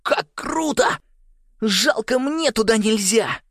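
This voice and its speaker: Male narrator doing an excitable boy, loud and high, bouncing all over. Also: slow, husky, dry recording, studio quality, exaggerated voice. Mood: excited. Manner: loud and eager. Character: excitable boy who believes in ghosts.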